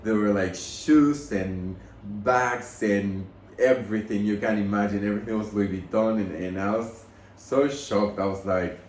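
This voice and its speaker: A man's voice: on the low side, measured pace, darkish tone, a little hiss or hum. A young man casually telling a story time at home, rambling with lots of "like" fillers and emotional gushing. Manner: rambling, heavy use of "like" fillers. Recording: roomy echo.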